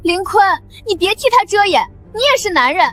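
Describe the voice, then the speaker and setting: Woman doing a sobbing scheming accuser in a short drama, super high squeaky voice, fast and all over the place, soft music under it. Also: sing-song, heavily acted. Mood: shrill accusing. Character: scheming wailing young village accuser.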